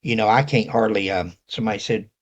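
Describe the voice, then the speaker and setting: A man's voice: fairly low pitch, fairly even intonation, fast talker. A man with an Appalachian accent hosting a casual, rambling talk to viewers and reading messages aloud. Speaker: host.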